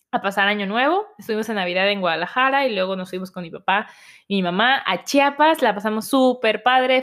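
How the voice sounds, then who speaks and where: Young Mexican woman vlogger, lively storyteller, voice a bit high, Mexican accent. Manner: animated, acts out voices of family, laughs often. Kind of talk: casual storytelling to viewers.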